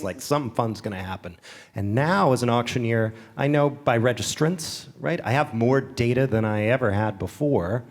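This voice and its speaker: A man, an auctioneer, speaking on a symposium panel and telling lively stories that act out bidders. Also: medium pitch. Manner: lively storyteller who acts out bidders. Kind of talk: panel discussion. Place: symposium stage before an audience.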